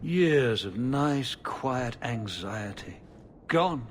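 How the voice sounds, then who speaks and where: A man's voice: mid-range voice, animated, extremely slow, a little hiss or hum. A man playing a weary, rueful ruler in a video game, speaking in clipped, ironic phrases. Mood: weary irony.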